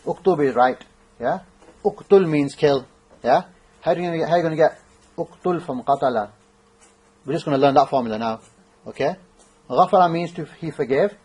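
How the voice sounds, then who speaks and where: A man's voice: a little high, fairly quick, long pauses, darkish tone, breathy edge, rough recording. A man teaching an Arabic grammar class, thinking aloud and checking in with his students. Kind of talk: classroom lesson.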